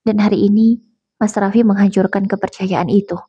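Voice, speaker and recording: Woman narrating a sad story, husky and mellow. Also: medium pitch, fairly even intonation, normal speed, lo-fi sound. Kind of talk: first-person story narration.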